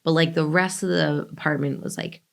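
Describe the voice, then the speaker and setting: An American woman with a hoarse, raspy, whispery voice that is nearly gone, chatting casually as a podcast co-host. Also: low voice, fairly even intonation, moderate pace. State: hoarse, losing her voice. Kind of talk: casual chat.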